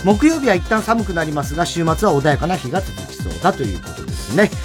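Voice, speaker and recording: A man opening a radio show as co-host, reading the weather and announcements in a brisk announcer's delivery. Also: high voice, huge pitch swings. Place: radio studio. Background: theme music.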